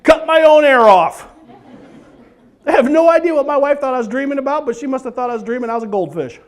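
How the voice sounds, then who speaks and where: A middle-aged man doing stand-up comedy for a church audience, animated and exaggerated, breaking into sudden shouts. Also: extremely high pitch, fast talker. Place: church event hall before a live audience.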